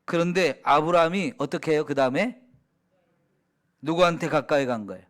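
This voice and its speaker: A middle-aged male pastor from Chungcheong with a Chungcheong accent, preaching a sermon in a conversational way, asking the congregation questions and sometimes dropping to a hush. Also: on the high side, moderate pace. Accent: Chungcheong Korean. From Chungcheong, Korea. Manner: conversational, asks the congregation questions and answers them; drops to a soft hush when quoting prayers.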